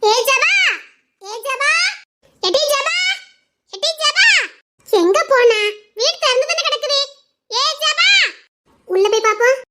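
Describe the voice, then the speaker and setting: A woman playing a loud, sharp-tongued young wife, shouting and taunting her husband. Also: very high-pitched, expressive, slow, pauses often, heavily acted. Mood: calling. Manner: shouting, taunting, mocking laughs.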